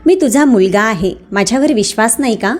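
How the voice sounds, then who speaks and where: A woman's voice: fairly high pitch, lively intonation, a little fast. Woman doing a grown son, angry, demanding, storybook reading.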